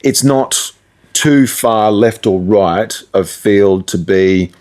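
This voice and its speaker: Speaking slowly in a fairly low, slightly mellow voice, a middle-aged Australian-accented man from Perth chats casually in an interview. He's a radio presenter who thinks out loud as he talks.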